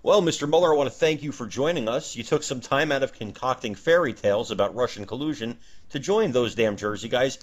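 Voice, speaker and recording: A man's voice: medium pitch, expressive, brisk, dull audio. A man hosting a comedy sketch, talking in an emphatic, mock-indignant way. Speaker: comedy show host.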